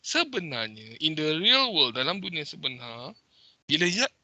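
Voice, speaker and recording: A man's voice: fairly high pitch, very animated, normal speed, pushed and bright, no echo. Malaysian man teaching over a video call. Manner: explains step by step, repeats points, many "okey"s. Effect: heard over a video call meeting recording. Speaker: instructor. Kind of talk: teaching over a shared screen, mixing English and Malay. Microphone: computer mic on a video call.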